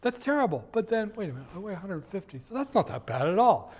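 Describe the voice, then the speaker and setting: A man's voice: high-pitched, big pitch swings, fast, a little mellow, husky. A man giving a university finance lecture in a classroom, joking and digressing, talking straight to his students and often stopping to restart his sentences. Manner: jokey, digressive, with many fillers and restarts; addresses students directly.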